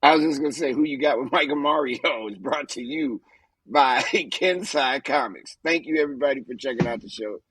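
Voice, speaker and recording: A man's voice: medium pitch, moderate pace, fairly bright tone, husky, no echo, low-quality recording. A man co-hosting a podcast in casual chat, playful and teasing with a jokey edge. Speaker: podcast co-host.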